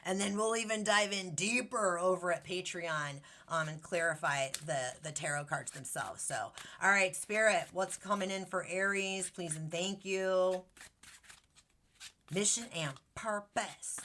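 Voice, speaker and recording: A woman's voice: on the low side, unhurried, bright, forceful tone, slight background noise. A woman giving a casual tarot reading to her viewers, bubbly and chatty, with affectionate asides and lots of fillers. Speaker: tarot reader.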